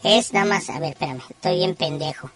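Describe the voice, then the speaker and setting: A woman's voice: low-pitched, expressive, fairly quick, fairly bright tone, dry recording. A woman with a northern Mexican accent hosting a call-in show in slangy, teasing, profane casual chat.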